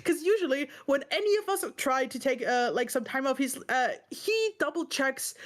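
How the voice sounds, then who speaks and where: In a casual chat, a book club stream co-host lets off steam at a normal speed, her high voice full of lively intonation. She rambles emphatically and sounds exasperated, stressed and upset, swearing now and then.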